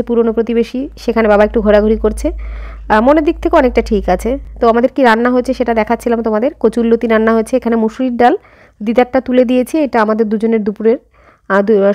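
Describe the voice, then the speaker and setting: Talking quickly to her viewers, an Indian woman in her thirties narrates her day in Bengali with a slight rural Jessore-Khulna lilt and lots of fillers. Her slightly high voice is steady and darkish in tone, captured by a camera held some distance away at home and outdoors on errands.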